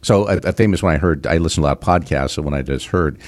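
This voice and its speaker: A middle-aged man, a financial advisor hosting a podcast, explaining in a halting way with many fillers. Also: rumbling low, a little mellow, dry recording. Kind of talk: casual podcast chat.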